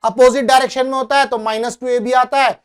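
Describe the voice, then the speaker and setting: A male physics teacher working a problem on the board, mixing English terms into his speech and repeatedly asking the class whether it is clear. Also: very high-pitched, little pitch movement, fast. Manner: asks the class frequent rhetorical check questions; mixes English terms into Hindi, calls students brother. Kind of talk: whiteboard problem-solving lesson.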